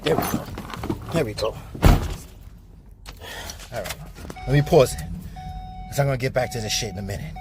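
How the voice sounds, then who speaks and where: A man's voice: mid-range voice, expressive, moderate pace, long pauses, background noise. A man filming casual street interviews on a handheld phone, talking in chatty street slang, out on city streets and in a car. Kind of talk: casual street vox pop.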